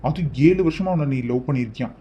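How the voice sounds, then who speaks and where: A man's voice: on the high side, fast talker, dark tone, muffled recording, a little hiss or hum, natural voice. A man voicing an obsessive, lovesick young man in a cartoon, talking in an insistent, pleading way. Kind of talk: cartoon voice acting.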